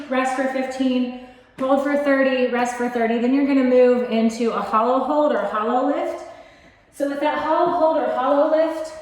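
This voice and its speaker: With a high, slightly mellow voice, a woman coach explains exercises one step at a time. Her tone is casual and encouraging, and the basement gym around her echoes.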